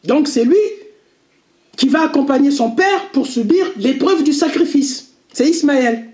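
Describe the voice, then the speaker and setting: A woman with an Arabic accent giving a deliberate religious lesson, repeating key points and checking in with listeners. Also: high-pitched, lively intonation, darkish tone, roomy sound. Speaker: religious video commentator. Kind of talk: slow explanatory religious lesson.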